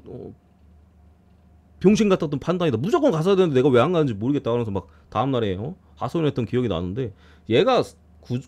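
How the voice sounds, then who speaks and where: A man giving a casual streamed preview of baseball games, blunt and quick to swear and grumble. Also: high-pitched, darkish tone. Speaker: baseball betting analyst streamer.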